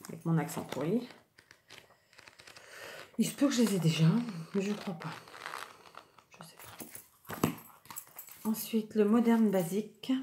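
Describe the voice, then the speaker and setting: A woman showing off a shopping haul in casual chat, thinking aloud and often trailing off softly. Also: medium pitch, animated, a little slow, long pauses. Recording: echoey room with loud background noise.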